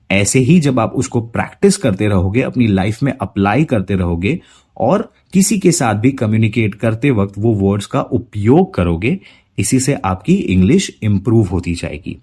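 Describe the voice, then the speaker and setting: A man teaching English pronunciation, his voice a little husky and his speech unhurried. He repeats each word with care and contrasts wrong and right sounds, his pitch moving up and down a lot as he stresses them. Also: darkish tone. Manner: slow, deliberate, repeats words to model pronunciation. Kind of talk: spoken English lesson in Hindi.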